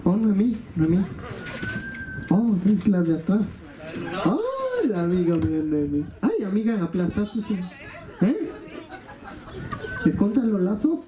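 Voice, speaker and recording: A man's voice: high voice, expressive, slow, pauses often. A man hosting a live party as a clown, teasing the audience and joking with guests. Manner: teasing, jokey, calls everyone amigo. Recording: echoey hall with crowd noise.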